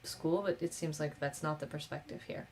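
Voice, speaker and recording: Interpreting a Q&A session over a video call, a woman speaks in a low-pitched, steady voice. Her delivery is measured and halting, broken up by pauses.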